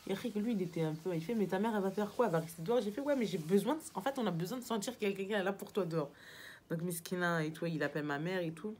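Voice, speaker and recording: A young woman telling a story to her viewers in a chatty, animated vlog. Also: mid-range voice, very fast, slight background noise. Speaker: vlogger.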